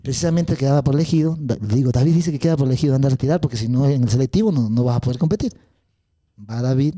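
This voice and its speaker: A man with an Ecuadorian Spanish accent, a coach telling a story in an interview, acting out the dialogue. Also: medium pitch. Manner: acts out dialogue, laughs often, quick and lively. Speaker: athletics coach.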